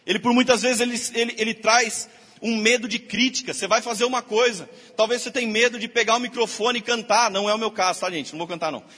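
High, bright-voiced pastor preaching. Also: male voice, quick pace. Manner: lively preaching with acted-out quotes. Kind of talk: sermon. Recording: long hall reverb.

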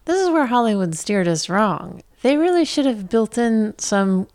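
A woman co-hosting a casual podcast, playful and quick to laugh. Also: a little high, very animated, darkish tone. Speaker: podcast co-host. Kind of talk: casual chat. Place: Somerville, Massachusetts.

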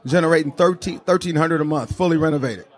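A man who is an investor, pitching properties to a meeting in a halting way with many fillers. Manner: quiet at first, halting with fillers.

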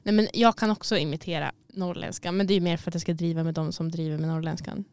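A woman's voice: on the low side, steady tone, darkish tone, smooth. A woman co-hosting a podcast, chatting casually and a bit self-consciously, laughing easily. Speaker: podcast co-host. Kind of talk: casual chat. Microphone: studio mic.

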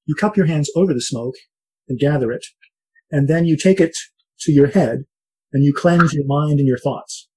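A man with a slightly husky voice teaches shamanic ceremony as a guided meditation, in slow, repetitive, soothing phrasing. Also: a little high, mellow, rough recording. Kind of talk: guided meditation and spoken ritual instruction.

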